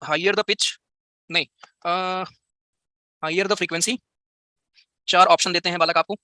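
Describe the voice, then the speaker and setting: A man's voice: high-pitched, steady tone, slow pace, bright, forceful tone, dry recording, studio quality. Playful man teaching a live online class. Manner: playful, teasing, bantering with students.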